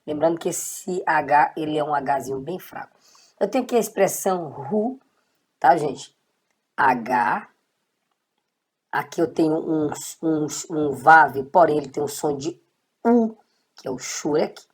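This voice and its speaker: A woman's voice: low-pitched, takes it slowly, husky. A woman teaching a casual online Hebrew lesson, patiently checking in with her students.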